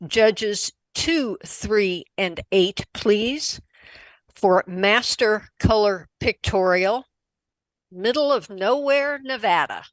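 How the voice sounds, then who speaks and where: Woman reading out judges and scores at a camera club, slow and dry, businesslike. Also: medium pitch, no room sound, low-quality recording. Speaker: competition moderator. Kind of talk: announcing scores at a club meeting.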